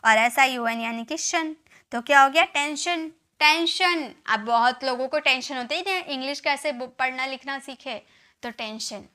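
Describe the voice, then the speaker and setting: A woman's voice: sits high, normal speed, bright, forceful tone, smooth. A woman teaching English spelling to viewers. She spells words out letter by letter, repeats them, and checks in with the learners often. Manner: addresses viewers directly. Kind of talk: classroom-style spelling lesson.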